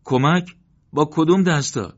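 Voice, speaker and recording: A man's voice: fairly high pitch, fairly even intonation, a bit bright, highs cut off, pitched above the performer's own voice, natural voice. A man doing a stubborn wounded commander. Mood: wry. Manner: raised, emphatic voice. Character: wounded male wartime commander, wry and stubborn.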